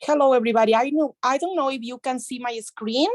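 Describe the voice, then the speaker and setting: A woman's voice: sits high, fast. A woman from Ecuador speaking on a video call as a conference presenter, hesitant and polite, with many fillers.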